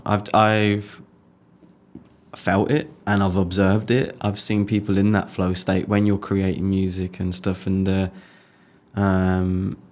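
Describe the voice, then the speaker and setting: This Englishman speaks in a low, flat, slow voice with a somewhat dark tone and a Birmingham accent. He's a podcast interviewer and music photographer, chatting reflectively, often repeating phrases and leaning on "you know" and "like."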